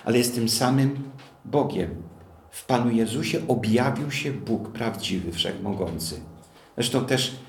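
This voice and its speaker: A man preaching a teaching sermon on the Bible, slow and deliberate, often asking his listeners questions. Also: medium pitch, gravelly, roomy sound, slight background noise. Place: church hall.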